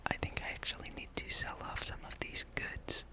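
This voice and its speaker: The gaming ASMR host whispers breathily with no voiced tone, yet the tone comes across bright and forceful. Her delivery is an unhurried ramble of musings over gameplay.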